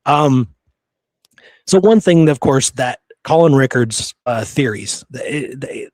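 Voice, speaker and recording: In a dry recording, a mid-range male voice leads a casual history podcast discussion. His tone is emphatic and argumentative, with a clear note of exasperation.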